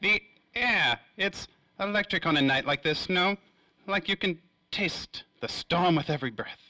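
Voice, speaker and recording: A man plays a suave, cagey, self-important industrial magnate in a 1930s-style noir radio serial, his smug, evasive lines drawn out theatrically. His high voice is expressive, pushed and bright, with no room sound, in a heavily acted delivery.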